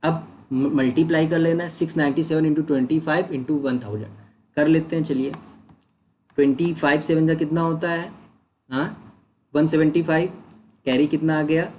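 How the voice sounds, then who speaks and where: Male maths teacher, a touch high-pitched, patient step-by-step explainer, faint noise behind. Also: fairly even intonation, moderate pace, long pauses, a little mellow. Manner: explains step by step, asks and answers his own questions; mixes English words into Hindi. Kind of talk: online doubt-solving lesson.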